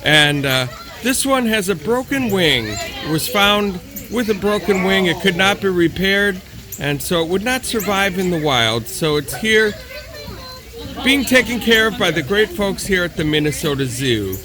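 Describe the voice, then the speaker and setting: A travel video host, speaking at a measured pace in an expressive, medium-pitched voice, narrates animal sightings with casual amazement and frequent exclamations, while music plays in the background.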